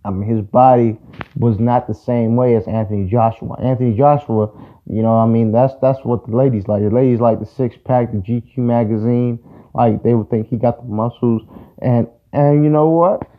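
A man's voice: mid-range voice, fairly even intonation, normal speed. A man hosting a casual sports talk show, giving his opinions in a conversational way and repeating points for emphasis. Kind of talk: casual solo sports commentary. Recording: tinny phone-like audio.

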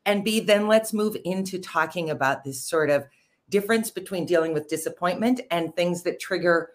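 A woman's voice: on the low side, normal speed. A woman hosting a casual conversational interview in a chatty, self-deprecating way. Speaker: show host.

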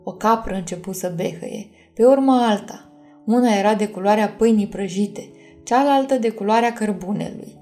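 A woman narrating a fantasy audiobook in a calm, measured reading. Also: mid-range voice, soft background music. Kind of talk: scripted storybook narration.

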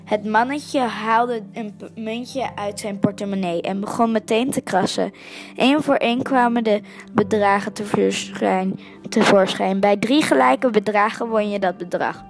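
A woman's voice: medium pitch, a little slow, faint music behind. A woman reading a children's story aloud, stumbling and correcting herself over words. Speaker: story reader.

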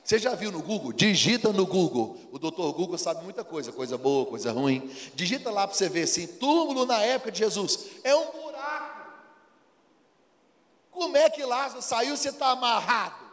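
A man preaches in a lively, storytelling sermon, acting out dialogue and peppering the room with rhetorical questions. His voice sits somewhat high for a man. Long reverb trails after his words, as in a large hall. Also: moderate pace.

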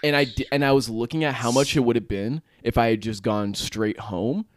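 A man's voice: mid-range voice, brisk, no echo, clean studio sound. Young man telling a rambling, profane story. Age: 20s. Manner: rambling, profane, animated retelling with frequent laughs. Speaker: podcast host. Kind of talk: casual storytelling chat.

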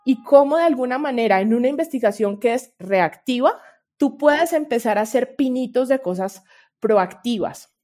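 Speaking at normal speed in a fairly high voice, a Colombian-accented woman offers advice as a podcast guest and researcher. Her delivery is casual and conversational yet earnest and expressive.

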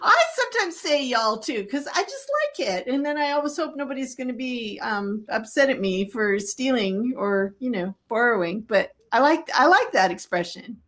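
Lively chatty Canadian-raised woman host. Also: on the high side, moderate pace, few pauses. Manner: chatty, laughs often. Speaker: podcast host. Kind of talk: casual live-stream interview.

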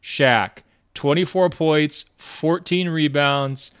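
A man's voice: fairly high pitch, slow pace, fairly bright tone, clear, resonant tone, no echo. A man co-hosting a sports podcast, teasing his partner dryly and reading out stats. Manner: teasing and dry, reads out stats. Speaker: podcast co-host. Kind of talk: casual podcast banter.

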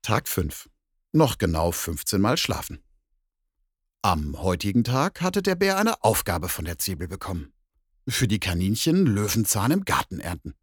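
A man hosting a podcast and reading a children's story aloud, lively and expressive. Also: on the low side, normal speed, breathy edge, no echo, studio quality. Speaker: podcast host and children's author.

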